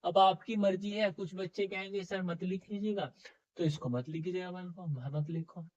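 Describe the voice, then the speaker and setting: A man's voice: high voice, steady tone, normal speed, darkish tone. A man teaching a chemistry class, coaxing students with repeated questions, his voice a little heavy from being unwell. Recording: dull, muffled lo-fi sound.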